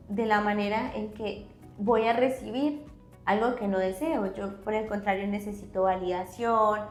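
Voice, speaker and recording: A woman psychologist explaining concepts on a podcast, teacherly, often checking in with a quick question. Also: on the high side, darkish tone, echoey room. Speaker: psychologist guest.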